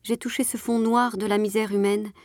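A woman's voice: mid-range voice, level tone, moderate pace, darkish tone, no room sound. Woman reading a literary story, dry sound. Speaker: audiobook reader.

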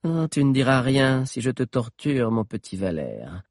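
A man's voice: mid-range voice, big pitch swings, moderate pace, no room sound, clean studio sound, pitched above the performer's own voice. A man reading an audiobook and voicing a cruel, scheming sorceress queen with a mocking, menacing manner. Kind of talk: audiobook character voice.

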